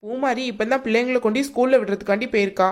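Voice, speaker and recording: A woman's voice: on the high side, fairly even intonation, fast, close to an everyday voice. A woman voicing a fretful older mother. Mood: worried. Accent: southern Tamil Nadu. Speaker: voice actor. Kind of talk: cartoon voice acting.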